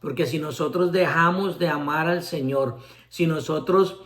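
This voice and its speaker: Earnest preacher man, fairly high voice. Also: a little slow, fairly bright tone. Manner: earnest, repetitive emphasis, addresses listeners directly. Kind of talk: sermon.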